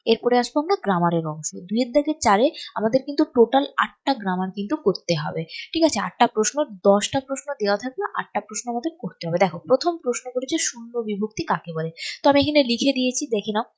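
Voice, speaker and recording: A woman's voice: on the high side, expressive, fast talker. A woman teacher from West Bengal going through exam questions step by step and often checking that her students follow. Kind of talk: exam-prep lesson.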